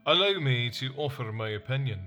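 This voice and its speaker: A man's voice: mid-range voice, expressive, fairly quick, pushed and bright, faint music behind. A man reading an audiobook voices a sardonic nobleman who speaks in a wry, mocking way.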